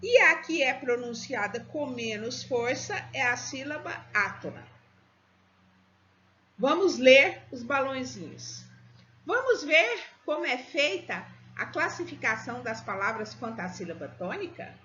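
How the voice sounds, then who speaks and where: A woman, a primary school teacher giving a recorded remote lesson and explaining things slowly and patiently to children. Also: high-pitched, sing-song, pushed and bright, a little hiss or hum. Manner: slow, patient, speaks to children as "tia". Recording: dull lo-fi home recording.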